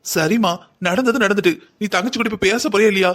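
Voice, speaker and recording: A man's voice: sits high, fairly quick. A man voicing a placating young daughter. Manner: placating, gentle pleading. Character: young married daughter, soft, apologetic, placating. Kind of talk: cartoon story voice acting.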